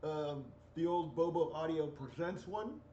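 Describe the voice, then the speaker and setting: A man's voice: fairly high pitch, a little slow, dark tone. A man in his forties co-hosting a casual podcast chat, hesitant and full of fillers. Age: 40s. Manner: hesitant, many fillers and restarts. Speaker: podcast co-host. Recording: distant echoey muffled mic with faint hiss.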